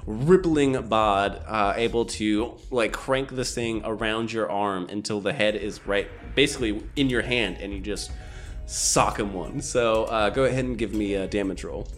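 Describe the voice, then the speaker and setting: A man running a tabletop game as game master, narrating in a casual, halting way full of ums and gross-out detail. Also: fairly low pitch, fairly bright tone, faint music behind.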